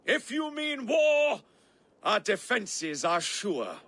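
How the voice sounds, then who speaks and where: A man's voice: sits high, very animated, takes it slowly, a bit bright, no echo, exaggerated voice. An actor playing a defiant war leader in a video game, declaiming with scorn at his enemies. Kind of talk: video game drama acting.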